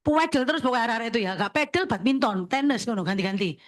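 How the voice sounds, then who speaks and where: A woman speaking quickly in a somewhat high voice. She coaches like an insurance team leader, giving step-by-step tips and tossing back checks to her listeners. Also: animated. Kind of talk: sharing tips at a talk session.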